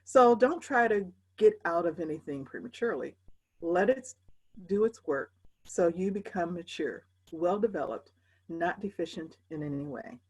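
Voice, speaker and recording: A woman's voice: on the low side, expressive, moderate pace, a little mellow, husky. A woman preaching a sermon, addressing her listeners with emphatic repetition and short laughs between phrases. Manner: emphatic repeated address, rising and falling intensity.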